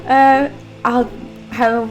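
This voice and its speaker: A woman's voice: on the high side, flat delivery, drawn-out words, faint music behind. A woman with a British accent giving chatty, jokey commentary while she plays a video game, swearing casually as she goes. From United Kingdom. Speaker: gaming channel host. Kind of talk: casual let's-play commentary.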